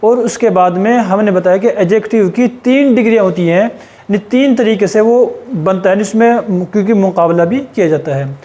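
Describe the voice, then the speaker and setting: A man teaching English grammar in a patient, explanatory way, repeating and rephrasing points and slowing down to spell out English example sentences. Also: high voice, warm tone. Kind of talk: explanatory lesson.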